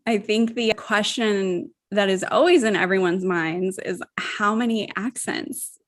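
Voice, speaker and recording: A woman's voice: mid-range voice, a little slow. Upbeat woman interviewer. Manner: friendly, upbeat, laughs often. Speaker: podcast host interviewer. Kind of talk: casual interview chat.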